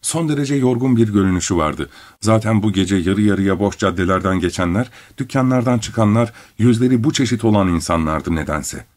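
A man narrating an audiobook in a measured storytelling manner. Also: fairly low pitch, lively intonation, a little mellow. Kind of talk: scripted narration.

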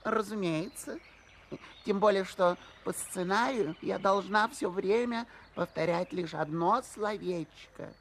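A woman voicing a huge, dreamy, music-loving cow in a children's audio story, drawn-out and affected, with moos. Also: mid-range voice, a little hiss or hum. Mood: dignified, wounded. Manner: slow, drawn-out, affected, mooing.

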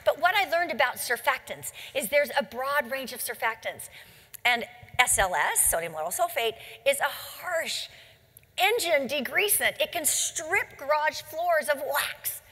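A woman's voice: sits high, expressive, a little slow, sharp tone. Woman telling her story in a motivational talk, punchy and emphatic, echoey hall sound. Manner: emphatic storytelling, rhetorical questions. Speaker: company founder speaking to distributors.

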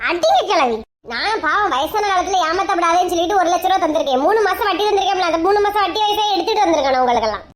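A woman's voice: extremely high pitch, animated, racing. A woman with a Kanyakumari Tamil accent voicing a greedy old village moneylender granny who scolds. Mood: scolding. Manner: scolding, grasping.

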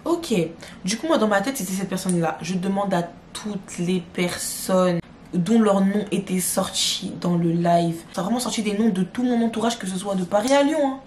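In a roomy, echoing recording with a bit of hiss or hum, a young woman talks directly to her viewers as she retells a drama. Her mid-range voice moves at normal speed, and her storytime is slangy, casual, and animated.

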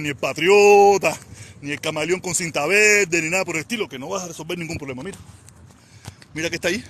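A man from Havana with a Cuban accent, ranting heatedly and confrontationally on a live stream, often shouting. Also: fairly high pitch, a little hiss or hum. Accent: Cuban Spanish (Havana). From Havana, Cuba. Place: outdoors in a casino parking lot.

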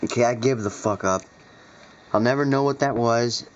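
This man speaks in a mid-range voice at a moderate pace, annoyed and cursing freely as he talks off the cuff to viewers. He makes hobby videos of weather radio alerts indoors at a computer in a dark room, from behind a handheld camera. Its audio is muffled, noisy and lo-fi.

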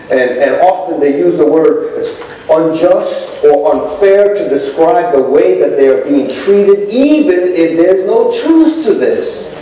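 A man's voice: fairly high pitch, warm tone. A middle-aged man preaching a sermon from the pulpit to his congregation, calling out to them as he gestures. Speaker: pastor. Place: church sanctuary with congregation. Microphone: pulpit microphone, filmed from far back. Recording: echoey church from a distance.

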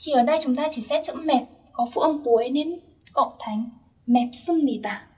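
Far from the microphone, a young native Vietnamese speaker explains Korean grammar one step at a time at a moderate pace. Her voice is high-pitched, and she patiently makes sure her listeners are following.

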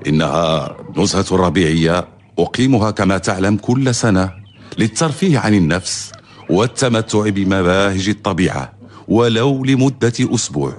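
An actor playing a lordly, benevolent ruler in a historical radio drama, with a commanding, stately delivery in formal Arabic. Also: male voice, sits low, expressive, moderate pace. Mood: lordly, assured. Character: lordly ruler speaking to his servant, benevolent.

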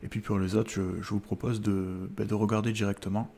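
A man's voice: fairly low pitch, little pitch movement, fairly quick, creaky, warm tone. A man with a French accent explaining a tech install in a casual tutorial, hesitant, with many fillers and restarts. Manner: hesitant, many "euh" fillers and repeated words. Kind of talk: casual screen-recorded tutorial.

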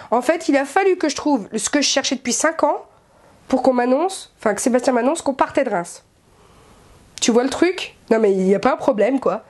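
Woman vlogger from France, high voice, chatty and excitable, casual home haul talk to a camera set back from her. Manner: chatty, excitable, fillers and self-mocking asides.

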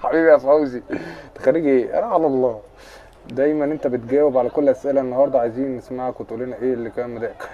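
A man's voice: medium pitch, fairly even intonation, very fast, highs cut off. A young man with an Egyptian accent chatting on a casual live stream, answering viewer comments in a joking, teasing way. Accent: Egyptian Arabic.

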